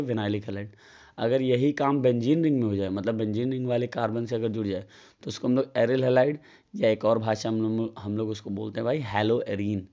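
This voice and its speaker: A man's voice: mid-range voice, dark tone, highs cut off. A man with a Hindi accent giving a casual chemistry tutorial, asking and answering his own questions. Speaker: chemistry teacher. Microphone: phone.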